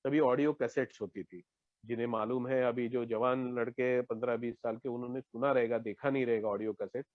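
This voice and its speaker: A man's voice: medium pitch, fairly even intonation, a little fast, no room sound. Man from India, earnest personal share over a muffled online call, dry and close. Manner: earnest storytelling, acts out his own past dialogue. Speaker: recovering alcoholic sharing at a meeting. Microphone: online meeting call. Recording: dull lo-fi online call audio.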